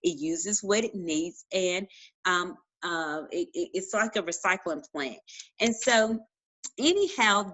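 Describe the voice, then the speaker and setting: A woman's voice: fairly low pitch, fairly bright tone, poor audio. A woman science teacher giving a casual online lesson to children, playful and chatty. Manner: chatty, talks while chewing a cracker; playful, addresses kids as boys and girls.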